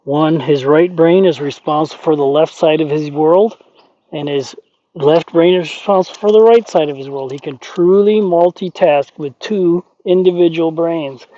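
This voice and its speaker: A man working as a horse trainer, calmly explaining a training session and talking softly to the horse in between. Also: fairly high pitch, moderate pace. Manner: calm, explanatory, talks to the horse between points. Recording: dull, lo-fi with faint noise.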